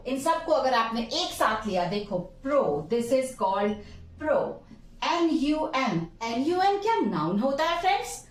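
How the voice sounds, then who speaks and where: Lively high-voiced woman teaching. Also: reverberant, far from the mic, poor audio. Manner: addresses viewers as friends, repeats words slowly. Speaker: English teacher. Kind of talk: Hindi-English pronunciation lesson.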